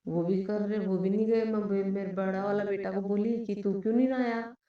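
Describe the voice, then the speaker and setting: A woman's voice: mid-range voice, flat delivery, moderate pace. A middle-aged woman telling a rambling story of her own to a congregation, quoting family members and restarting her sentences. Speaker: devotee sharing a testimony. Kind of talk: spoken testimony to a congregation. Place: large echoey hall. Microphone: far from the microphone. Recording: echoey hall from far off, dull.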